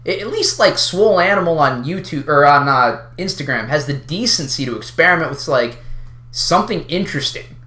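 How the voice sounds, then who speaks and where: Exasperated, unhinged ranter with a bright, swooping voice. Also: mid-range voice, expressive, a little fast, echoey room. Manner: exasperated, wild unhinged ranting with sarcastic emphasis. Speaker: online video creator addressing a community. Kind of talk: unscripted opinion rant to the listener, casual and sweary.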